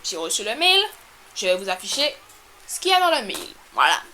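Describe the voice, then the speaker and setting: A woman telling a storytime to her camera in a casual, animated, exasperated way, with sudden loud jumps in pitch. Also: fairly quick, a little hiss or hum. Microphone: camera mic.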